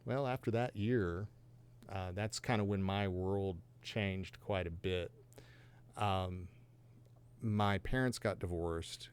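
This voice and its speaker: A man's voice: low voice, smooth. A man in his fifties from Georgia and Texas, sharing his faith testimony as a podcast guest in an earnest, reflective way with light self-deprecating humor. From Georgia and Texas, USA. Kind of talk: personal testimony in a podcast conversation.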